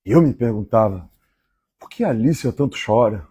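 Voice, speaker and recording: A man from Minas Gerais with a Mineiro Brazilian accent, reading a novel aloud on a live stream and pausing for chatty asides. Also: medium pitch, lively intonation, mellow, breathy edge, no room sound, studio quality. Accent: Mineiro Brazilian Portuguese. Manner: measured, repeats favorite lines and chats between passages.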